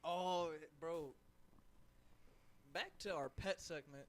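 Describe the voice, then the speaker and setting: A man's voice: a little high, takes it slowly. A young man from California co-hosting a casual podcast, slangy and swearing often, calling his friend "bro". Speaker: podcast co-host. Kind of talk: casual chat.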